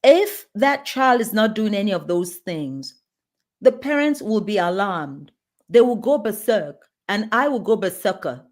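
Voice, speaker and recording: A woman's voice: mid-range voice, lively intonation, measured pace. A woman from Nigeria, a pediatrician speaking as an interview guest about leadership, earnest and emphatic, often restarting her phrases. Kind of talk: conversational interview answers.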